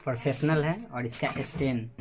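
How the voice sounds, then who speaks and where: A man presents his new gear in a relaxed showcase vlog, speaking straight to his audience in a chatty way. His voice sits at an ordinary middle pitch. A faint hiss of noise runs underneath. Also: normal speed. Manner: chatty, addresses viewers directly. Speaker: channel host. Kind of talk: casual product showcase vlog.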